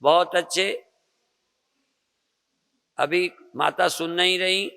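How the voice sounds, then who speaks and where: An older Indian man, a spiritual teacher, slowly guiding a group through meditation and breathing with soft repeated coaching. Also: sits high, fairly even intonation, gravelly, clean tone. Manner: slow, repetitive soft coaching with pauses. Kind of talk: guided meditation and breathing instruction. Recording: long reverb of a hall.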